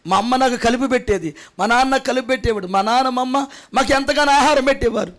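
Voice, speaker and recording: A man's voice: very high voice, fast, a bit bright, pitched above the performer's own voice. A male preacher voicing a starving young man, desperate and pleading, with wailing repetitive cries for food in a sermon retelling.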